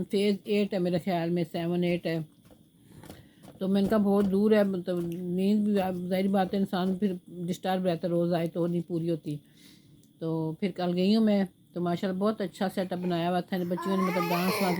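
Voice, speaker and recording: A woman's voice: fairly low pitch, steady tone, normal speed, dark tone, slight background noise. An older woman with a sore throat chats and rambles through stories at home while sitting with her grandchild. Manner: chatty, rambling storytelling, baby talk to the grandchild. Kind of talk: casual home vlog chat. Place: at home, indoors, sitting with a baby.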